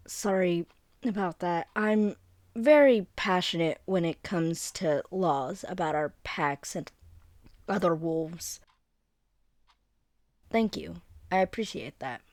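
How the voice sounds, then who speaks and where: A woman performs as a warm young she-wolf, her pack's second-in-command, in a conversational one-sided audio drama. Speaking low and unhurried with a darkish tone, recorded dry and echo-free against the room's silence, she rambles informally through explanations, earnest, passionate and a little flustered.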